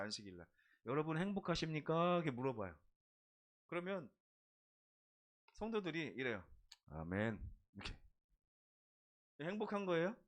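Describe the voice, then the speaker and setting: Storytelling male pastor, higher voice. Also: a bit bright. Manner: humorous storytelling, asks the congregation questions. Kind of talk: sermon. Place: church.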